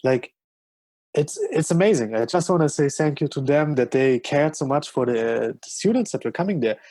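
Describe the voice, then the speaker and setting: A German-accented man chats as a podcast guest with real enthusiasm. His voice is a little high yet mellow. The recording is dry and close. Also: animated, brisk, no room sound. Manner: enthusiastic, frequent fillers. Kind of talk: casual chat.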